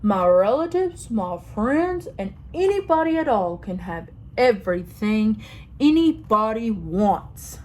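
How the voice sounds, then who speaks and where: A woman voicing an excited young male donkey in a storybook reading, speaking eagerly and slowly. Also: mid-range voice, low-quality recording. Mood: thrilled.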